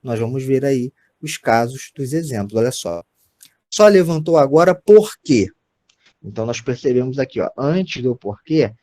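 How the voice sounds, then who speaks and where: A man's voice: mid-range voice, darkish tone. A Brazilian man teaching a Portuguese grammar lesson, explaining patiently and often checking in with his students.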